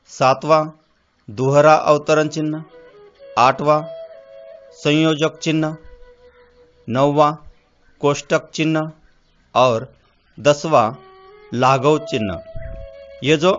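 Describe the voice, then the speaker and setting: A man teaching grammar, dictating definitions in short, measured phrases. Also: mid-range voice, fairly bright tone. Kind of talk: slow, deliberate classroom explanation. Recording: slightly dull audio with faint music.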